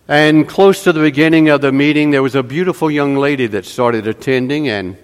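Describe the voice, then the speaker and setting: Slow-preaching man in a reverberant church. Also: mid-range voice, smooth. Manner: slow, measured preaching with dramatic pauses. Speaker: pastor. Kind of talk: sermon storytelling. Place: church sanctuary. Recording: long hall reverb.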